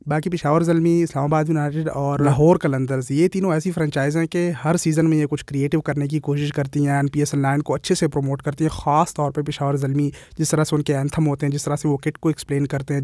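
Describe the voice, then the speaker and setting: Male vlogger, rapid flat delivery, dry close voice-over. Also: a little high, dry recording. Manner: chatty, mixes English phrases into Urdu. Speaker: cricket vlogger. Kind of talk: casual voice-over commentary.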